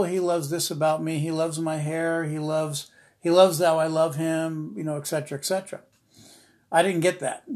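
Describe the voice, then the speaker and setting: A middle-aged man hosts a devotional podcast in a slightly high voice. He tells his story loosely, circling back with fillers and restarts. A dry, sarcastic humor runs under his earnest talk. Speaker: podcast host, ministry teacher.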